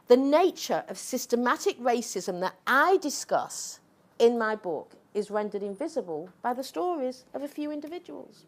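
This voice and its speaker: A middle-aged woman lecturing to an audience, her fairly high voice rising and falling sharply as she argues. She is sarcastic and combative and keeps checking in with "okay?" and "right?". She sounds like a seasoned speaker driving her case home. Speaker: sociology professor giving a lecture. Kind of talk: impassioned public talk.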